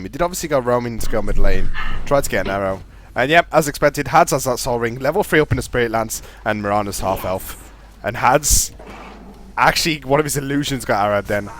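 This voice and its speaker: Fast-talking male esports caster. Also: medium pitch, slight background noise. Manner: calls his own voice monotone. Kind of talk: live game commentary.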